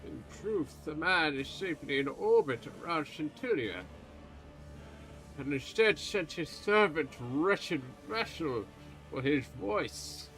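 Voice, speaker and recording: A man's voice: on the high side, lively intonation, slow pace, fairly bright tone, faint music behind, full character voice, low-quality recording. A man doing a pompous old pontifex. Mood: accusing. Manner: formal archaic speech, haughty and accusing. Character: aging male church pontifex, stern, pompous, secretive.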